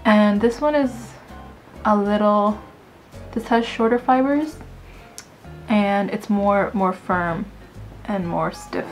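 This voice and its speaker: A woman's voice: medium pitch, takes it slowly, long pauses, soft background music. A woman beauty vlogger giving a casual, jokey product review to camera, chatting and giggling.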